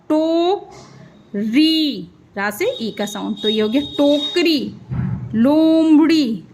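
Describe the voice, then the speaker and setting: A woman with a high voice teaches children to read and write, stretching every syllable out slowly. Her words come at an unhurried, patient pace, each sound spelled on its own before the whole word is said. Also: darkish tone. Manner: slow, drawn-out syllable-by-syllable spelling. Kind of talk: children's Hindi spelling lesson.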